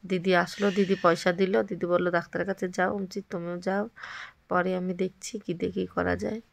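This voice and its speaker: A middle-aged woman chatting casually while she cleans her home, speaking softly and wearily, short of breath. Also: lowish voice, level tone, creaky, no room sound. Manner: soft, tired, talks slowly. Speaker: vlogger.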